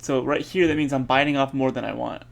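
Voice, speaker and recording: A man thinking aloud while he codes, halting and correcting himself, with many fillers. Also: medium pitch, fairly even intonation, gravelly. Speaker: programmer streaming his coding practice. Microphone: earbuds mic.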